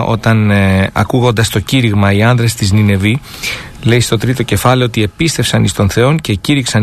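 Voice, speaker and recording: A man joins a radio Bible discussion and speaks earnestly, reading verses aloud with an occasional filler. His voice sits at a plain middle pitch.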